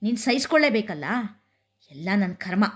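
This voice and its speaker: Woman voicing a furious man, bitter, scolding his sister loudly. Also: mid-range voice, big pitch swings, brisk, natural voice. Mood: angry. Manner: harsh, shouting, bitter.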